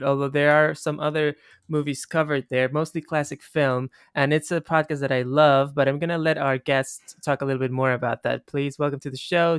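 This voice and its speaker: A man's voice: fairly high pitch, clean tone, no room sound, clean studio sound. A man hosting a podcast in casual chat, introducing his co-host and guests in a friendly way.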